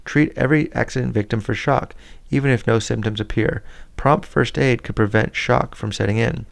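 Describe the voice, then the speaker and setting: Gravelly man reading a handbook aloud. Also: medium pitch, normal speed. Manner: plain, steady read with small slips and restarts. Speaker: reader of a scout handbook. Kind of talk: reading a manual aloud with brief asides.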